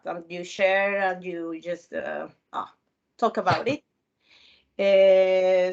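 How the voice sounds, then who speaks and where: Hesitant woman from Peru on a muffled call. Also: medium pitch. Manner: hesitant, many fillers and restarts. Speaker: panel guest, former mentee. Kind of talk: casual panel talk.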